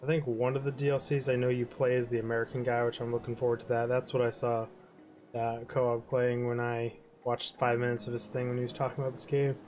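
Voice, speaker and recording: A relaxed young man talks in a rambling, offhand way, filling time while the credits of a game roll. His pitch sits in an ordinary middle range, and faint music plays under his voice. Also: a little fast. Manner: laid-back, rambling, yawning, trails off. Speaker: gaming channel host. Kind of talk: rambling let's-play commentary over credits.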